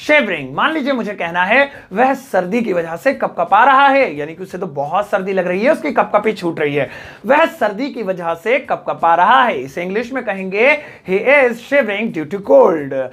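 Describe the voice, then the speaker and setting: A man's voice: high-pitched, very animated, fairly bright tone. Hindi-speaking man teaching English words. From Delhi, India. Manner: repeats each English example slowly and deliberately. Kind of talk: spoken language lesson.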